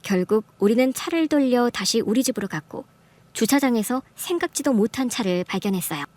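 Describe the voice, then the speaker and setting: A woman's voice: fairly high pitch, animated, brisk, natural voice. A woman voicing a furious betrayed wife. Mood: calm narration. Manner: fierce, shouting accusations. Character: furious betrayed young wife, sharp-tongued. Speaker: narrator and wronged wife. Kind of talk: Korean radio drama narration.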